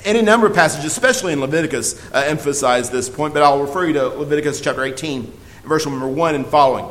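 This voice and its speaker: A man with a high-pitched voice leads a Bible lesson. He speaks earnestly and presses his points hard, with frequent fillers and restarts. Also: fast, a bit bright, rough recording. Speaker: Bible teacher. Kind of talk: Bible study teaching.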